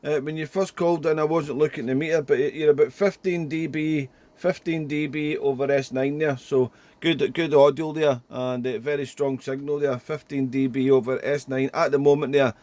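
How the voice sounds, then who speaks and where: A man's voice: fairly high pitch, steady tone, moderate pace, hardly any pauses, darkish tone, no room sound. A man chatting casually as a ham radio operator, rambling and repeating himself. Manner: rambling, repetitive, often ending phrases with "there". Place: small indoor home radio room.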